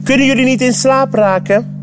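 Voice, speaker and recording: A Flemish man voicing a smug, mocking male frog with a croaking voice in a children's storybook reading. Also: sits high, sing-song, normal speed, music in the background, pitched above the performer's own voice. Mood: teasing. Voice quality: croaking, teasing.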